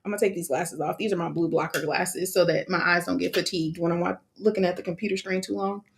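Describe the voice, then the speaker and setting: A woman hosting a live online session, chatting in an animated, casual way with frequent laughs while she walks viewers through her recording setup. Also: lowish voice, fast, creaky. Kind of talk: casual live-stream walkthrough. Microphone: wearing her own microphone.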